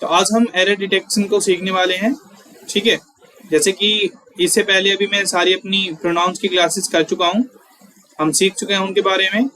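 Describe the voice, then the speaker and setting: A man's voice: high voice, flat delivery, normal speed, sharp tone, a little hiss or hum, low-quality recording. A man teaching an exam-prep grammar lesson, explaining step by step, asking viewers questions and reading example sentences word by word.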